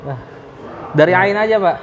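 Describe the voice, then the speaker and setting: A man's voice: high-pitched, normal speed, background noise. A man teaching Quran recitation to a class in a prayer room, patiently drilling letter sounds one by one. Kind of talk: tajwid class, coaching students. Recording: roomy hall, dull lo-fi sound, crowd around.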